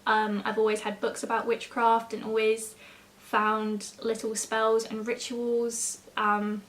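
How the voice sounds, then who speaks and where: A woman's voice: fairly high pitch, monotone, slow, a bit bright. A young adult woman, telling a story in a casual, rambling, informal vlog style with frequent asides. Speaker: YouTuber.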